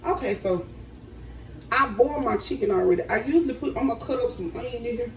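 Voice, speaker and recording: A woman's voice: on the high side, quick pace, slight background noise. Chatty woman filming in her kitchen. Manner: chatty, talks to viewers as y'all. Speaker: cooking vlogger. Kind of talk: casual cooking vlog. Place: home kitchen. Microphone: phone camera. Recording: echoey kitchen, phone mic at a distance.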